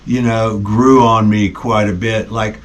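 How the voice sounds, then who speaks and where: Brief: middle-aged musician, laid-back chat, lowish voice, halting with ums. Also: male voice. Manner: relaxed, pauses often with ums. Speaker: band member. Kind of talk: casual conversation.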